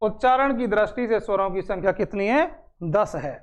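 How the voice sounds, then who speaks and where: A man teaching a grammar lesson, dictating slowly, repeating phrases and asking questions he then answers himself. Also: high voice, smooth. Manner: slow, repeats phrases for note-taking, asks and answers own questions.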